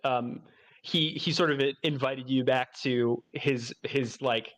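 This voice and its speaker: A man's voice: mid-range voice, fairly even intonation, takes it slowly. Rambling male game master. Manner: rambling, many fillers and restarts. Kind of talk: narrating a tabletop game.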